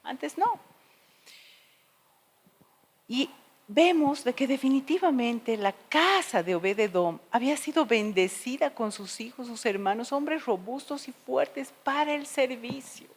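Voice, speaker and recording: A woman preacher delivering a sermon, telling stories with dramatic shifts between loud and soft. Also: sits high, a little slow, husky, big-room sound. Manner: expressive storytelling with dramatic shifts in loudness. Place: church.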